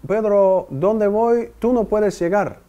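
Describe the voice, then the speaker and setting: Priest guy doing a calm patient teacher, soft warning tone. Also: high-pitched, slow pace, highs cut off.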